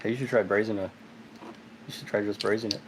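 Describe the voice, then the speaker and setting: A man's voice: fairly low pitch, fairly even intonation, quick pace, noisy background. A man hosting a casual live stream from his garage, chatting and laughing while he reads out viewer comments. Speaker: livestream host. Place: home garage. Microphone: phone on tripod.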